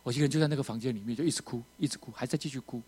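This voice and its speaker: A man preaching a testimony, telling his story with strong feeling, rising to loud outbursts and dropping to quiet moments. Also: medium pitch, very fast, breathy edge. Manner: emotional, animated storytelling with sudden loud outbursts and quiet drops. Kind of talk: sermon testimony.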